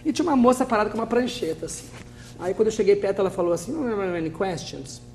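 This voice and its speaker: A middle-aged Brazilian man with a Brazilian Portuguese accent, an English teacher guest telling lively stories in a TV interview and acting out what people said. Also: high voice, racing, slight background noise. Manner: animated, acts out quoted speech, laughs often. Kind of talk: TV interview storytelling.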